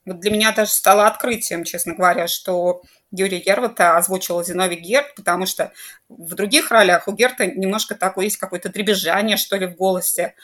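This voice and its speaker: Medium-pitched woman discussing film. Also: fairly bright tone.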